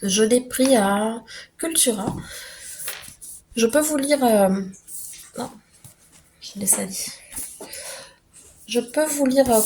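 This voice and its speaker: A woman's voice: fairly high pitch, a little mellow. Woman vlogger, casual and rambling, fillers galore, faint household noise behind. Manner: chatty, many fillers and restarts, laughs easily. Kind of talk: casual vlog chat.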